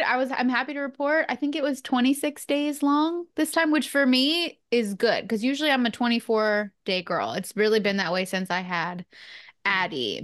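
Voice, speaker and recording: A woman's voice: a little high, fairly bright tone, no echo, clean studio sound. A woman co-hosting a podcast, chatting casually and upbeat about her health routine. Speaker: podcast co-host. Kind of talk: casual chat.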